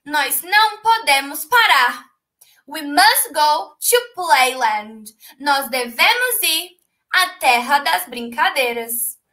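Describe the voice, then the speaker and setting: A stern coachman from a storybook, put on by a woman. He speaks slowly and deliberately and refuses to budge. The voice is high and bright. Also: lively intonation, full character voice. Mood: firm. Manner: slow, deliberate bilingual lines. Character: stern male coachman, slow and firm.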